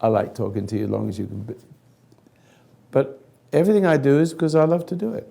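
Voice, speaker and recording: An older man hosting a group counselling talk, with a hoarse, raspy voice that sounds like gargling, speaking earnestly in halting, emphatic phrases. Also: medium pitch, sing-song, mellow. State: hoarse, throat-clearing. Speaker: host leading a group conversation.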